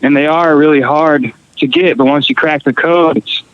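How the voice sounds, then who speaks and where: A man's voice: a little high, moderate pace, dry recording, highs cut off. A man from Costa Rica, a guest musician, telling fishing and travel stories in casual chat with fillers and restarts. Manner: relaxed storytelling with fillers and restarts.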